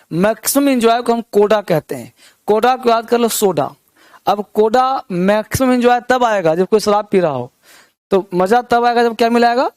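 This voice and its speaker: A man teaches English vocabulary. He drills each word with rhymes and repeats it slowly, asking his listeners quick questions. The recording is close and dry. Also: high voice, a little mellow, no echo. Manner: repeats words with rhymes and memory tricks, asks the class questions. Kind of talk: vocabulary lesson.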